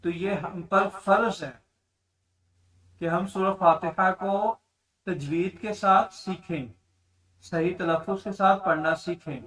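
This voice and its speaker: Male Quran tajweed teacher, slightly high voice, explains then chants slowly, mic set back. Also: fairly bright tone, recorded from a distance, rough recording. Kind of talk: tajweed lesson with demonstrations.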